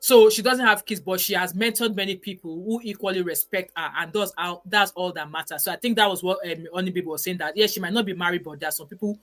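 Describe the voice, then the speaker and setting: Chatty fast-talking Nigerian woman. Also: on the low side, fairly bright tone. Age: 40s. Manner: chatty, emphatic, drops in pidgin words. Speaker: live-stream host reading viewer comments. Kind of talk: casual live-stream commentary.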